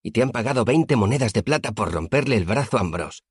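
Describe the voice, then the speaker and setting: A man's voice: mid-range voice, expressive, quick pace, breathy edge, no echo, clean studio sound, pitched above the performer's own voice. A man doing a heated young student. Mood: grumbling. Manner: heated, complaining. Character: earnest young male student, blunt, indignant.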